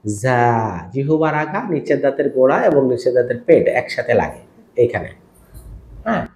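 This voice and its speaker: A man teaching Quran letters step by step, patiently repeating each sound in a slow, drawn-out way. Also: mid-range voice, animated, creaky, a little mellow, reverberant, slight background noise. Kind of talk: step-by-step recitation lesson.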